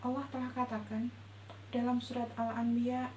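A middle-aged woman, a religious teacher, giving a short, gentle and measured talk on faith, recorded indoors. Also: on the high side, level tone. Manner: gentle, reflective, measured delivery. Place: indoor room before a patterned cloth backdrop. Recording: roomy echo with faint hum.

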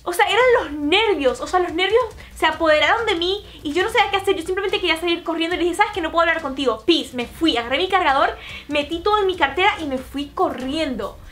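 A young adult woman telling a personal story to her viewers in a vlog, talking quickly and filling her sentences with little connecting fillers. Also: extremely high pitch, expressive, fairly bright tone. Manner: fast storytelling with many fillers. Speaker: YouTuber.

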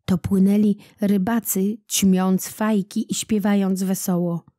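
A woman narrating a children's legend aloud in a slow, deliberate storytelling manner. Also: mid-range voice, little pitch movement, dark tone, no room sound, clean studio sound. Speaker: narrator, audiobook reader.

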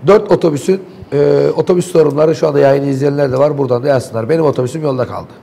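A man's voice: on the high side, very fast, vocal fry, dark tone. A man in a local TV studio, animatedly and indignantly recounting events in heated talk.

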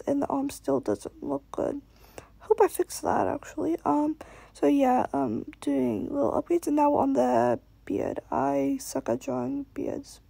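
A young woman gives a casual voice-over about her drawings, sounding exhausted. Her voice is high and mellow, breaking often into gravelly fry. The recording is close and dry. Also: no echo. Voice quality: creaky. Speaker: amateur artist narrating own drawings.

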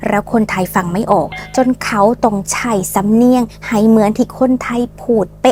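A woman content creator, giving lively, teasing reaction commentary that switches into English. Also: mid-range voice, moderate pace, soft background music.

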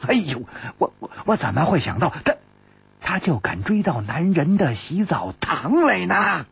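A jittery, stammering thief with a high, raspy voice that leaps all over, as a storyteller acts him out. He tumbles over his words. The recording is dry and dull. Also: sing-song, heavily acted. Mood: flustered. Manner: stammering, rapid, flustered. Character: nervous, stammering male thief.

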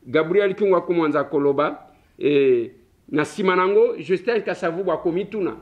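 A man's voice: high-pitched, moderate pace, narrow, tinny audio. A man hosting a political talk show, chatting casually between French and Lingala, joking and repeating himself.

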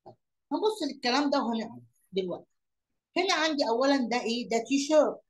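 A woman's voice: on the high side, lively intonation, quick pace, poor audio. A woman with an Egyptian Arabic accent teaching young pupils. She repeats words, asks questions aloud and mixes English lesson words into her Arabic explanations.

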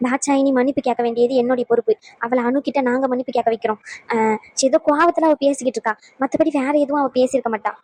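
A woman's voice: high-pitched, fairly even intonation, quick pace, dark tone, no echo. A woman voicing an apologetic grandmother in a cartoon who pleads to make peace. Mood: conciliatory. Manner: pleading, conciliatory.

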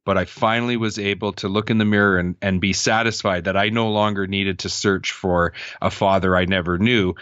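A man's voice: low voice, fairly even intonation, fairly quick, few pauses, fairly bright tone, clear, resonant tone, dry recording, muffled recording. A man in his thirties answering interview questions in an earnest, reflective way, often restarting his sentences. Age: 30s. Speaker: podcast guest.

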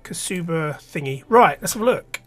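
Stuffed up from a cold, this let's play host gives casual gameplay commentary in a slightly nasal voice, thinking aloud and often restarting. His voice sits on the high side and sounds animated, at a moderate pace.

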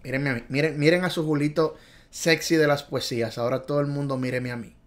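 A fairly high-voiced man leading a driving theory video lesson. He is exuberant and playful, drilling each point through repetition and calling out to his viewers. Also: steady tone, fast. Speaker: driving test tutor.

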